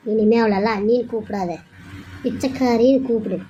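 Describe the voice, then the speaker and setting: A woman plays a scheming cartoon mother-in-law who bosses the household and sneers at her daughter-in-law. Her voice sits a little high, with a faint hiss of noise under it. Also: fairly even intonation, brisk, warm tone, highs cut off, close to an everyday voice. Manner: sneering, bossy. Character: scheming mother-in-law, middle-aged, taunting. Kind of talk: cartoon serial voice acting.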